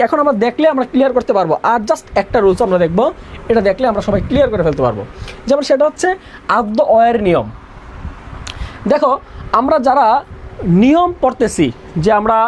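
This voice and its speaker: A man's voice: extremely high pitch, a little mellow, a little hiss or hum. A young man teaching an online revision class, repeating rules and quizzing his students.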